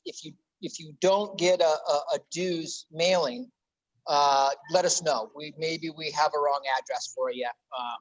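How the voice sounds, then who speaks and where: Guy doing membership announcements, lots of uhs, kinda high voice, dry sound. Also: dry recording, low-quality recording. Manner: halting, many fillers. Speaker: membership officer. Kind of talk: club meeting announcements.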